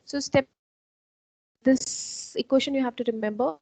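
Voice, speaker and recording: A woman's voice: high-pitched, fairly even intonation, moderate pace, darkish tone, no room sound. Woman teaching math online. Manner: patient, step-by-step explaining. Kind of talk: online class lecture. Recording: dull, dry online-call audio.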